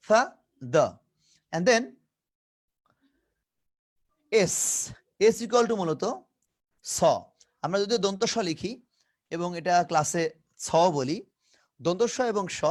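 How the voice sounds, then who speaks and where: A man from Bangladesh teaching an English phonetics lesson, drilling each sound over and over and mixing English words into his talk. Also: a little high. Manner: drills sounds by repeating them many times.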